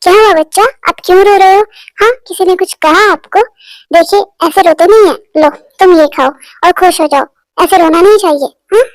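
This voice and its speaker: A woman's voice: extremely high pitch, normal speed, poor audio. A woman voicing a stubborn, irritable young woman in an amateur fan dub, sulky and complaining. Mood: coaxing.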